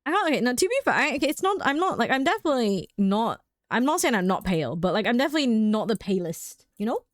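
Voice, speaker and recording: Fast-talking and sing-song, this young woman from the UK has a voice on the high side, captured at studio quality with no echo. While streaming a game at home, she chats with viewers in a giggly way, her speech full of "like."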